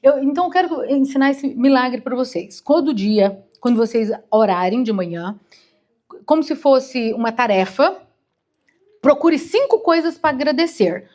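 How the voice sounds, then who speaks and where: Mineiro lady in her 50s, high voice, chatty emotional sermon full of little stories. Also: animated, moderate pace, darkish tone. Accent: Mineiro Brazilian Portuguese. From Minas Gerais, Brazil. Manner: chatty, emotional, storytelling with acted-out quotes. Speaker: therapist preaching to a congregation. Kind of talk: informal sermon.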